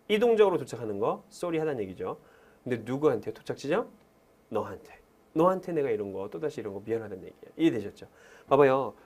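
A man teaching an English lesson in Korean, animated, who keeps urging learners to repeat phrases aloud. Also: a little high. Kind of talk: lively classroom lecture.

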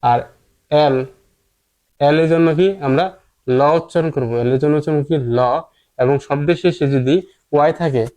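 A man's voice: a little high, fairly even intonation, moderate pace, pauses often, mellow. A man teaching English pronunciation in a patient, explanatory way, repeating each point several times. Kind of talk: explanatory lesson with repetition.

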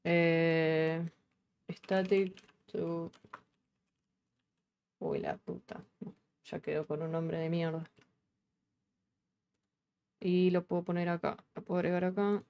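A woman's voice: on the low side, slow pace, pauses often, a little mellow, smooth. A woman with a Rioplatense Argentine accent hosting a casual live coding stream, chatting as she works, thinking aloud and swearing casually. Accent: Rioplatense Argentine Spanish.

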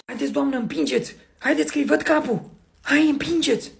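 A man voicing a formal middle-aged country doctor in a comedy sketch, speaking low and instructive. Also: very animated, gravelly, full character voice. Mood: urging.

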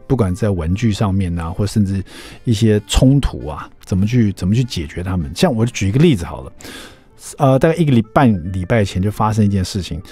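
A middle-aged man, hosting a radio talk show and telling family stories in an animated way. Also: lowish voice. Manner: animated, mimics voices while telling anecdotes. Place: radio studio. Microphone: studio microphone.

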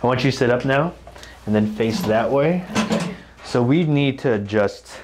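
A man working as a chiropractor, giving calm, joking instructions to a patient during treatment. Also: medium pitch, moderate pace, noisy background. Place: chiropractic clinic room.

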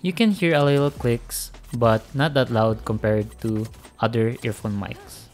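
Male gadget reviewer, friendly and casual, addresses viewers directly, medium pitch, music running underneath. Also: fairly even intonation, unhurried. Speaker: tech reviewer. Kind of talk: product review narration. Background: background music.

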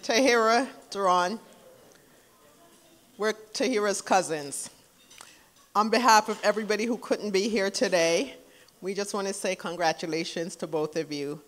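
The bride's cousin giving a lively wedding toast in a reception hall, laughing between lines. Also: medium pitch, moderate pace, pauses often.

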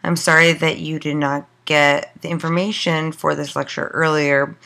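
A hoarse woman lecturing to a class, her voice fraying as she loses it. The tone is bright and edged, with a gravelly fry underneath. She asks one rhetorical question after another, with plenty of ums along the way. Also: sits low, little pitch movement, normal speed. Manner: loose, filler-heavy lecturing with rhetorical questions. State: losing her voice.

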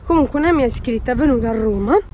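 A woman's voice: on the high side, expressive, racing, a little mellow, slight background noise. A young woman vlogger, chatting casually with lots of fillers and jokes into a handheld phone. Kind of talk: casual vlog chat.

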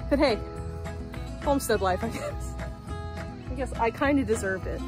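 A young homestead vlogger with a high-pitched voice chats to her handheld phone, held at arm's length, while doing yard work in a backyard garden. She's upbeat and talkative throughout.

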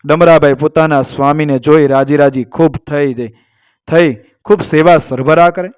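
A man narrating a traditional folk tale in a steady storytelling manner. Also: a little high, normal speed, clean tone, no room sound, studio quality.

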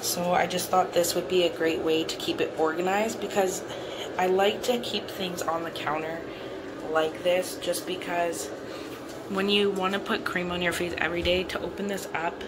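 At a normal speed and with fairly even intonation, a woman with a lowish voice gives an upbeat show-and-tell of her just-cleaned bathroom, repeating herself along the way. She's an adult cleaning vlogger with a son, and music and heavy background noise are present.

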